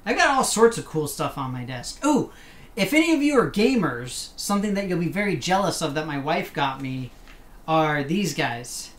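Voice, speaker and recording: A female streamer with a low-pitched, sing-song voice speaks at normal speed while playing a game at her home desk. She chats casually, jokes, tries out affected accents, and talks back to the game. Faint room hum runs through the roomy recording.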